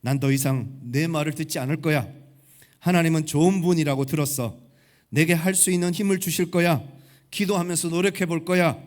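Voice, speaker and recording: A man's voice: a little high, a little fast, lightly acted. Man doing a sad chained elephant. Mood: resolute. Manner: plaintive, complaining, quiet. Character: sad chained male elephant, self-pitying.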